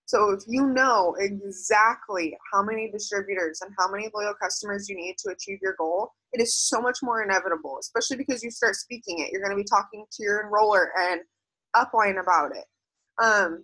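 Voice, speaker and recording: A woman's voice: mid-range voice, lively intonation, a little fast, bright, forceful tone, breathy edge, low-quality recording. A young woman giving a casual, emphatic motivational coaching talk to her sales team on a video call, often saying "like". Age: young adult. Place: seated by a house door on a video call.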